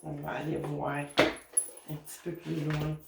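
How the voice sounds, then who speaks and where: A woman's voice: sits low, monotone, a little slow, vocal fry. A woman with a Québécois accent doing a casual spiritual card reading, talking to her guides in a chatty, meandering way with many fillers. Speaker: tarot and oracle card reader. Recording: roomy and a bit distant, faint noise.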